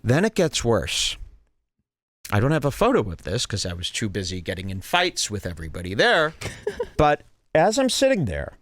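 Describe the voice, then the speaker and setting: A man's voice: medium pitch, huge pitch swings, normal speed, a bit bright. A man hosting a podcast, telling a comedic story in an exaggerated, indignant way. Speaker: podcast host.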